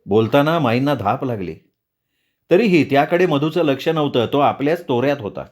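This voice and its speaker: Male storyteller reading a novel aloud. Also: medium pitch. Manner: measured, expressive reading. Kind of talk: audiobook novel narration.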